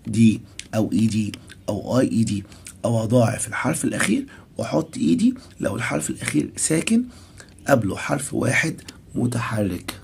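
Gravelly Egyptian teacher explaining grammar. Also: male voice, medium pitch, a little mellow, slight background noise. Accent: Egyptian Arabic. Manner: asks students' questions aloud, then answers them himself; repeats each English term, then translates it. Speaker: English teacher. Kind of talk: primary school English grammar lesson.

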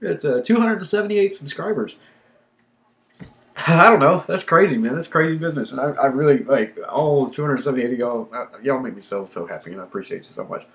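A man's voice: mid-range voice, expressive, fast, few pauses. A man, casually talking through a hot pepper tasting in a rambling, laid-back way, sighing and puffing from the burn. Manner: laid-back, rambling, lots of ums and likes. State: panting and sighing from chili burn. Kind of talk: casual unscripted vlog.

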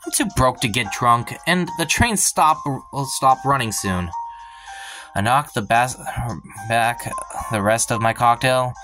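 A man hosting a let's play reads a visual novel's first-person narration aloud at a middle pitch. He stumbles over words and breaks off for wry comments of his own. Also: unhurried, music in the background.

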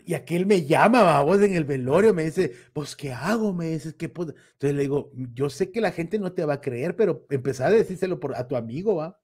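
A man with a Guatemalan Spanish accent, co-hosting a casual talk show and telling spooky anecdotes in an animated way, acting out the voices. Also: fairly high pitch, fairly quick, hardly any pauses, husky. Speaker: co-host. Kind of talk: casual storytelling chat.

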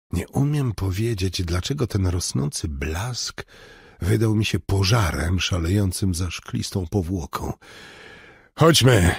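A man reading an audiobook in measured, somber first-person narration. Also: sits low, darkish tone, breathy edge, no echo, clean studio sound.

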